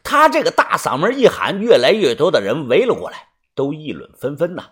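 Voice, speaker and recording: A man's voice: on the high side, big pitch swings, a little fast, a bit bright, husky. A man narrating a first-person audiobook story in a chatty way, padding phrases with little fillers.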